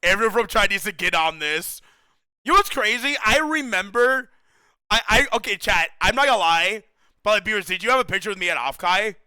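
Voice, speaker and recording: A young male streamer with a high, very lively voice that jumps all over the place. His tone is bright and sharp, and his speech comes through smooth and clear on a close mic. He chats excitably with viewers in slangy, casual talk. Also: fairly quick, dry recording. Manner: excitable, slangy, says bro a lot, laughs often.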